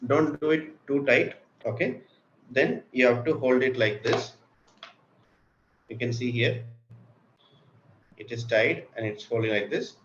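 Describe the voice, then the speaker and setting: A man's voice: mid-range voice, measured pace, long pauses, a bit bright. A man with an Indian accent teaching a craft step by step, explaining simply and patiently to children and checking that they follow. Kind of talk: step-by-step spoken tutorial. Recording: muffled, with clearly audible room noise.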